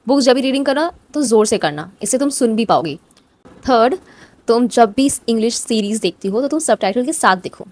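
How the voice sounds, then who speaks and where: A young woman with a direct, encouraging manner, giving casual tips as a cabin crew interview coach. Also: fairly high pitch. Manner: direct, encouraging, addresses viewer informally. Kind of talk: casual instructional talk.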